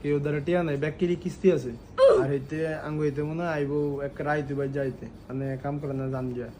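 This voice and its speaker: Fast, high-voiced man in a noisy sketch. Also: fairly even intonation. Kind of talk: comic sketch acting. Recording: noisy background.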